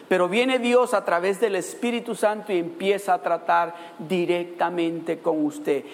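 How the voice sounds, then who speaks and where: A male preacher giving an animated sermon in a church, acting out the people he quotes. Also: high-pitched, long reverb tail. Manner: animated, acts out quoted voices.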